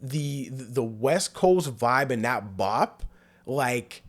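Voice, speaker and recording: A man's voice: medium pitch, animated, slow pace. A young man hosting a podcast, chatting casually with lots of fillers and slang. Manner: laid-back, filler-heavy, loose slang. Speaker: podcast host. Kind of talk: casual chat.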